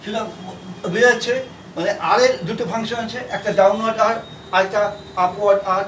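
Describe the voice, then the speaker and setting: A man from India teaching a shorthand class, explaining slowly and repeating himself, letter by letter. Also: high-pitched, steady tone, a bit bright, slight background noise. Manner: repetitive, halting, spells out letters. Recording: echoey room from far off.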